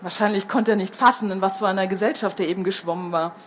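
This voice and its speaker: A woman's voice: mid-range voice, fairly even intonation, fast, a little hiss or hum. A woman reading a children's book aloud as the storyteller, who falls into hesitant fillers when she chats between passages.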